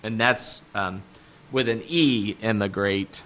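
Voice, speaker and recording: A man with an Appalachian accent giving a religious lecture point by point, haltingly searching for words. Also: mid-range voice, lively intonation, a bit bright, dull audio. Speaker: catechism teacher.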